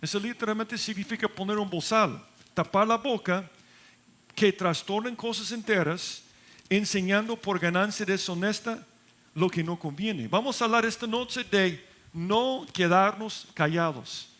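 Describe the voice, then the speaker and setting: A man with a fairly high voice delivers a church sermon. He retells a story conversationally, checking in with his listeners through rhetorical questions and restarting phrases as he goes. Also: a little slow, fairly bright tone. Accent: American. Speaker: pastor.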